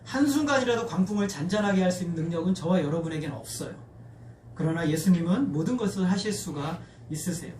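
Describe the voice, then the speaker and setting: A man's voice: high voice, animated, fast, darkish tone, reverberant, distant mic, a little hiss or hum. A man preaching a sermon as pastor, earnestly leading his congregation through scripture readings. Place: church sanctuary.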